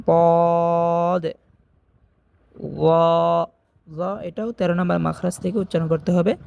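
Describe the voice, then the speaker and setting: A man teaching Quran reading, slowly repeating each Arabic letter sound and explaining where in the mouth it is made. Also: sits high, gravelly, darkish tone. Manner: chants the Arabic opening phrases in a drawn-out sing-song.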